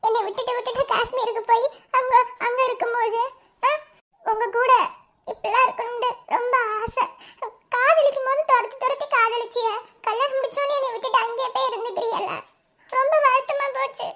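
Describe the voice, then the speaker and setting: Very high-pitched young wife, Madurai Tamil. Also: female voice, steady tone, a little fast, sharp tone. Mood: wistful. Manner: sweet, childlike, teasing. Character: young village wife, childlike and affectionate. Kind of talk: cartoon voice acting.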